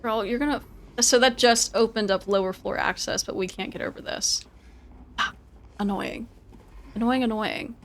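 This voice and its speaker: Speaking at normal speed with frequent pauses, a female game streamer talks through her play and chats informally with her audience. Her voice sits on the high side with a somewhat bright tone, and she often repeats herself.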